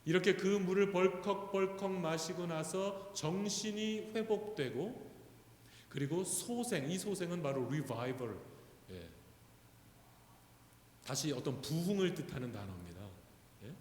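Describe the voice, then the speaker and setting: A man preaching a sermon as pastor, often asking the congregation questions and building to loud, fervent calls. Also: sits high, expressive, unhurried, pauses often, slight background noise. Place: church sanctuary. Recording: echoey church hall.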